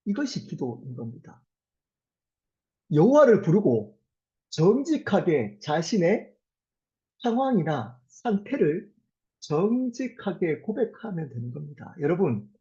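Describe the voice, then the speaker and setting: 교회에서 설교하는 남성 목사로, 억양의 높낮이가 크고 생동감 있게 말합니다. 목소리는 부드럽고 따뜻하며, 회중에게 질문을 던지고 중요한 구절은 천천히 힘주어 말합니다. 녹음은 고음이 다소 먹먹한 저음질입니다. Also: male voice, high voice, mellow. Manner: poses rhetorical questions to the congregation; earnest, with slow emphatic phrases. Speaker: pastor. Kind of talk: sermon. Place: church sanctuary. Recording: dull lo-fi sermon recording.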